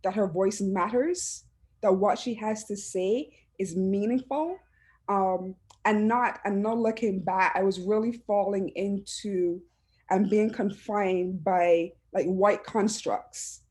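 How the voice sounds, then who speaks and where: An education administrator from Barbados offers heartfelt, reflective remarks on a video call panel. She speaks in a mid-range, slightly mellow voice and often breaks off to restart her phrases.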